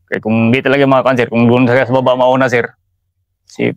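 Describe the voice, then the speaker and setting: Filipino soldier telling a story, full of "sir". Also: male voice, medium pitch, little pitch movement, a little fast, dry recording, muffled recording. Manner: peppers speech with "sir", acts out dialogue animatedly. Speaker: Special Forces sergeant, guest. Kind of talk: casual storytelling interview.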